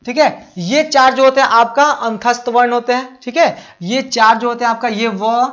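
A male teacher with a very high, slightly bright voice explains grammar for a board exam at a moderate pace and fairly even intonation. He asks questions and answers them himself, addresses students affectionately, and often checks they follow; the audio is muffled and lo-fi.

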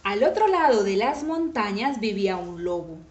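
A woman reading a children's story aloud in an animated way, with sudden shouted exclamations. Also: mid-range voice, moderate pace, reverberant, dull audio, slight background noise.

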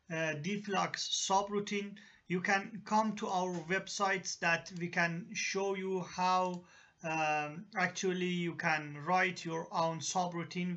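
Man, slow halting tutorial, lots of uh and restarts, lo-fi voice-over. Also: high-pitched, bright, forceful tone. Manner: halting, many fillers and restarts. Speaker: engineering software tutor. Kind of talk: screen-recorded software tutorial. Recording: dull lo-fi voice-over.

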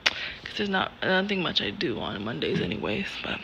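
A woman's voice: deep voice, very animated, moderate pace, gravelly, bright, forceful tone, a little hiss or hum. A young woman talking casually to her phone as a vlogger, rambling and chatty, often saying "bro" and "oh my god.". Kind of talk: casual vlog narration. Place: indoors at home, sometimes stepping outside.

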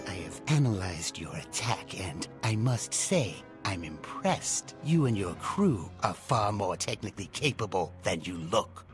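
An actor voicing a calm, cold and menacing evil clockwork machine man villain in a video game. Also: low-pitched, a little slow, hardly any pauses. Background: game music.

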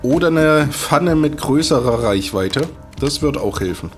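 A man's voice: fairly high pitch, animated, a little slow, music in the background. A man giving casual gameplay commentary, making dry, wry asides to the viewers. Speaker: let's play host.

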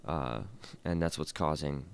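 A man teaching programming with a low, smooth voice, talking into a desk microphone. He sounds tired and thinks aloud, filling pauses with "um" and "uh" as he slowly reads out lines of code. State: tired and yawning. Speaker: programming tutorial host. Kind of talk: casual screen-recorded coding lesson.

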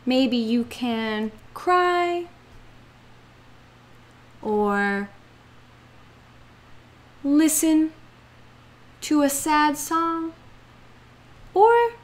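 A young woman teaching children English, speaking slowly and playfully and acting out each feeling. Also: high-pitched, big pitch swings. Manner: slow, exaggerated, playful delivery with acted-out feelings. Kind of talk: slow, expressive children's lesson.

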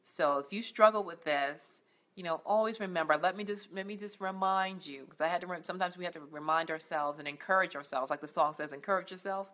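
A middle-aged life coach with a lowish, fairly bright voice talks a little fast to camera from her couch at home. Her faith-based motivational vlog is earnest and encouraging, though full of fillers and restarts.

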